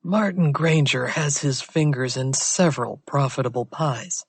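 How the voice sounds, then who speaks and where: A woman reading an audiobook, voicing a gruff, smug male detective with clipped, wry lines. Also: very deep voice, a little slow, no room sound, full character voice. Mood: dry, smug.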